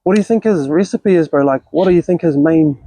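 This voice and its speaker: Higher-pitched Kiwi bloke chatting casually. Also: male voice, quick pace, dark tone, low-quality recording. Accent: broad New Zealand. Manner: slangy, interjecting and prompting. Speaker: host, interviewer. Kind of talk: casual chat.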